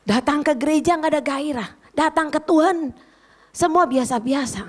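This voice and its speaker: Woman pastor, high voice, lively conversational preaching, addresses the congregation directly. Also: normal speed. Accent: Indonesian. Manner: animated preaching, often addresses listeners as "saudara". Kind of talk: sermon.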